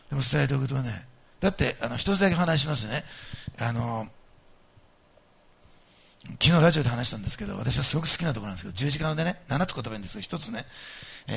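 A male pastor preaching a sermon to his congregation, emphatic and animated, moving between soft asides and loud stressed points. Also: mid-range voice, vocal fry, husky.

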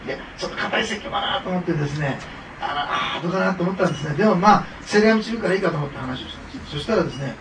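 A man's voice: high-pitched, lively intonation, very fast, background noise. Man preaching in an echoey hall. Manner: conversational preaching with frequent fillers and asides. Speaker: pastor. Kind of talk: sermon. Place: church hall. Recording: echoey hall, mic from far off.

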